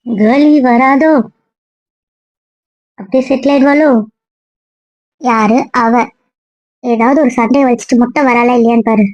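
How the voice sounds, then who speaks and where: A woman's voice: fairly high pitch, steady tone, measured pace, long pauses, darkish tone, no echo, dull audio, close to an everyday voice. A woman playing an exasperated, scolding young woman. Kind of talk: amateur audio drama.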